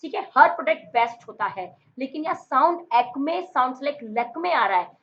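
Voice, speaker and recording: A woman with a fairly high voice and an Indian accent teaches vocabulary for competitive exams. She switches freely between Hindi and English and drills each word with repetition and memory tricks. The recording sounds a little muffled and lo-fi. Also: expressive, brisk. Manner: explains with memory tricks, repeats key words; mixes English into Hindi speech. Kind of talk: exam-prep vocabulary lesson.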